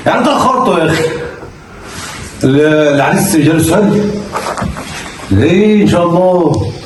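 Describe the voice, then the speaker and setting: A man's voice: high voice, slight background noise. Exasperated Egyptian man in an echoey room. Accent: Egyptian Arabic. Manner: loud, exasperated, cursing. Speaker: comedy sketch actor. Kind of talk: comedy sketch acting. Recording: echoey room, far from the mic.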